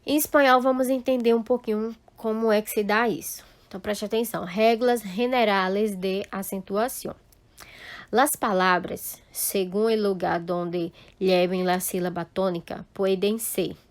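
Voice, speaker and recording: A woman's voice: medium pitch, fairly even intonation, normal speed, dry recording. A woman teaching a recorded class, explaining step by step and checking often that the students follow. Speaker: Spanish teacher.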